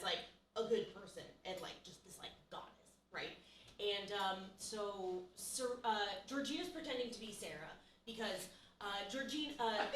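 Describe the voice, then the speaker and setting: Bright-voiced woman gossiping in an echoey room. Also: a little high, a little hiss or hum. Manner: gossipy, breathless recap with acted-out quotes and frequent laughs. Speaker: improv performer. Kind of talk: live improv monologue. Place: small theater stage. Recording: echoey room, mic from a distance.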